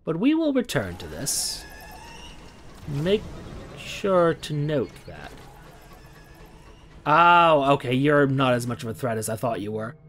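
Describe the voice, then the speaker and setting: With a medium-pitched, very animated voice, this man plays a space exploration game at a slow pace, leaving long pauses. His tone is fairly bright, with a little hiss or hum on the recording. He hums a lot as he reasons aloud and reads the game text, sounding slightly strained from a failing voice.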